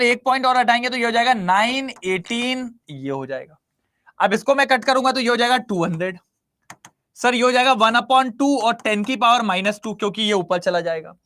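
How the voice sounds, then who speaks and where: A man's voice: high-pitched, a bit bright. A man teaching chemistry in an online class, constantly quizzing his students and coaxing them to answer.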